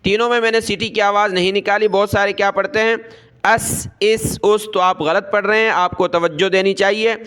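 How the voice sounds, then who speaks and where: A man teaching Quranic letter pronunciation, drilling syllables slowly and explaining quickly between them in a patient, corrective way. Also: sits high, fairly even intonation, a bit bright, clear, resonant tone. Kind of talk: recorded recitation lesson.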